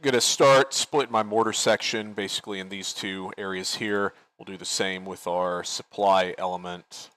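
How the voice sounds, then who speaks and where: A man's voice: low-pitched, steady tone, normal speed, few pauses, fairly bright tone, dry recording, poor audio. A man leading an online military game as commander, giving tactical briefings and talking through plans casually on a headset.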